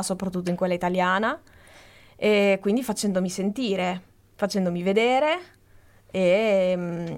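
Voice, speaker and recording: Woman guest chatting in an interview, smooth clear voice, mid pitch, face mask on. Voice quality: speaking through a face mask. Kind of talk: casual interview talk.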